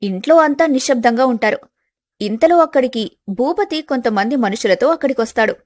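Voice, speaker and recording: A woman narrating a scripted family story for an animated video. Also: high-pitched, a little fast, no room sound. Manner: steady storytelling.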